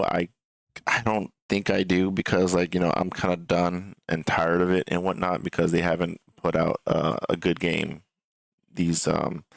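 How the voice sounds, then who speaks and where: A man's voice: deep voice, gravelly, dry recording. A man giving casual, rambling streamer commentary in a hesitant, repetitive way, with casual swearing. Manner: hesitant, repetitive, meandering delivery. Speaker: streamer reacting to gaming news.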